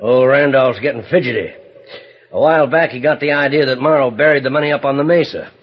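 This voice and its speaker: An actor playing a tough, sly old rancher with a folksy drawl in a vintage radio western. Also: male voice, mid-range voice, fairly quick, lightly acted. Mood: sly, needling. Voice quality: husky. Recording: muffled old radio recording.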